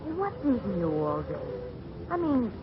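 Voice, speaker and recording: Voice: medium pitch, big pitch swings, normal speed, a crowd in the background, lightly acted. Performer as a chatty, naive young street boy. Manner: slangy, naive, plaintive. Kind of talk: old-time radio drama acting. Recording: muffled, hissy old radio recording.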